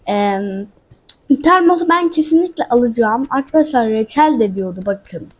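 High, breathy woman narrating her game. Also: lively intonation, normal speed, highs cut off. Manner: chatty, talks to viewers and the game character. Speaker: gaming channel host. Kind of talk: casual let's-play commentary.

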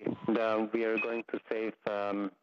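A man's voice: fairly low pitch, monotone. Man on a crackly mission radio loop. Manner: halting, many fillers, procedural. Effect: crackly space-to-ground radio loop with clicks. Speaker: flight controller at a European control center. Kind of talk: mission control radio calls. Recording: muffled, noisy radio channel.

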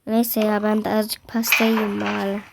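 A woman's voice: mid-range voice, monotone, moderate pace, vocal fry, background noise. A woman vlogging casually, talking to her viewers as friends and often dropping into whispered asides. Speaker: prank vlogger.

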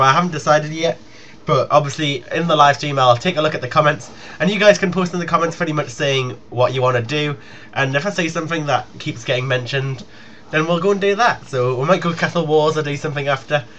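This gaming YouTuber is a young man with a mid-range, fairly bright voice, rambling casually through an announcement for his audience. He sounds informal and loose, captured in a muffled, noisy lo-fi home recording.

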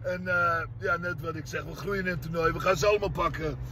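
A man records a brash, cheeky vlog message from his car, breaking into shouts now and then. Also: on the high side, steady tone, brisk. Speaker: vlogger.

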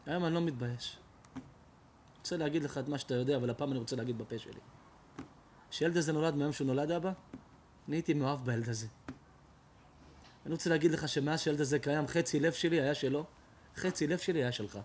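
A preacher voicing an elderly rabbi who grieves and pleads with God in an impassioned voice. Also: male voice, a little high, pauses often, darkish tone, slight background noise, lightly acted. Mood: confessional.

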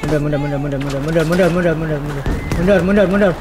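A man giving casual gameplay commentary, shouting repeated commands and cursing at his teammates. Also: fairly high pitch, racing, background noise. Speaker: gaming YouTuber. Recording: game gunfire loud behind voice.

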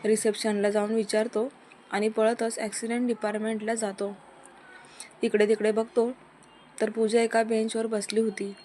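A woman's voice: fairly high pitch, moderate pace, a little hiss or hum. Woman telling a romance story. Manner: lively voicing of dialogue, rising for the characters' lines. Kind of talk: reading a romance story aloud, voicing the characters.

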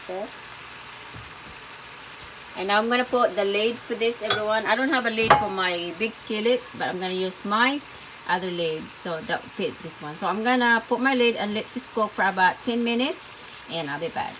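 A woman's voice: mid-range voice, moderate pace, slight background noise, poor audio. A woman hosting a home cooking video, chatting to viewers as "everyone" while she narrates each step at the stove. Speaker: cooking channel host. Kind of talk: casual cooking demonstration. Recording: home kitchen with loud sizzling pan. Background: loud frying and sizzling.

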